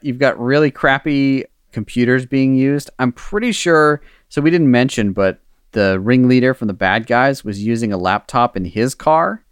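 A man hosting a podcast, talking in an animated, playful way. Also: mid-range voice, moderate pace, smooth, no room sound, clean studio sound. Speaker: podcast host. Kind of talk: casual chat.

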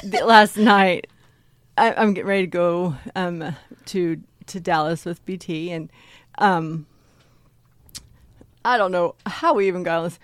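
A woman's voice: lowish voice, unhurried, long pauses, no echo. A woman co-hosting a podcast in casual chat, telling stories in a chatty, giggly way. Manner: chatty storyteller, giggly, acts out quotes. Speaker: podcast co-host.

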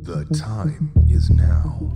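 A man announcing the show's intro in a slow, drawn-out, hyped style. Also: a little high, big pitch swings, gravelly. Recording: loud intro music behind.

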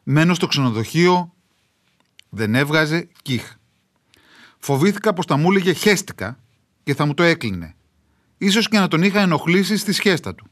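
A man, an author, reading aloud his own travel memoir in a wry, measured literary storytelling manner with dramatic pauses. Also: on the high side, sing-song, fairly bright tone.

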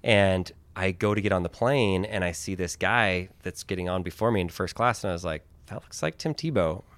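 A man with a lowish voice hosts a relaxed chat and tells stories with energy. He jumps into quoted voices as he goes. The sound is dry and close. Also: brisk, no echo. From Philippines. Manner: animated storyteller, acts out quotes. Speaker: host. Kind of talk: casual interview chat.

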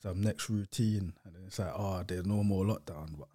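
A man's voice: sits low, steady tone, moderate pace, warm tone. A man with a London roadman accent talks as a guest in a casual chat. His speech is thick with street slang and a little hesitant, with thoughts that often trail off. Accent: London roadman, urban slang. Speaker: podcast guest.

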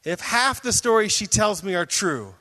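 High, bright-voiced preaching pastor. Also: male voice, moderate pace. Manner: animated preaching, reads scripture aloud and jokes with the audience. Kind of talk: sermon. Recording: long hall reverb.

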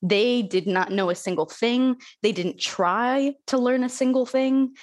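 A young woman speaking openly and reflectively as an interview guest, with soft laughs. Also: on the high side, measured pace. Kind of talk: candid personal interview.

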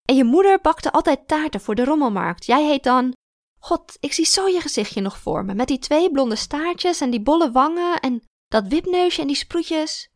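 A woman voicing an older female kindergarten teacher, tipsy and tearful, who rambles in a high, excitable voice. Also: moderate pace, dry recording, clean studio sound. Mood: excited.

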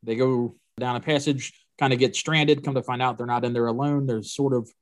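A man's voice: mid-range voice, fairly even intonation, fairly quick. A man co-hosting a movie podcast, talking casually and self-deprecatingly about films. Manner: self-deprecating, laughs easily. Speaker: podcast co-host. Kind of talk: casual chat.

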